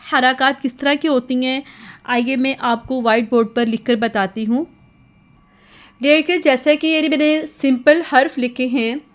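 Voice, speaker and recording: A woman teaching a children's lesson at a whiteboard, patiently repeating sounds in slow sing-song chants. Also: high voice.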